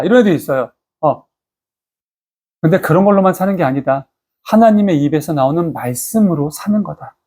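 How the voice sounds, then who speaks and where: A male pastor delivering a sermon in a church, with a voice that sits high for a man. He talks in a loose, conversational way and keeps turning questions back to the congregation. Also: a little mellow.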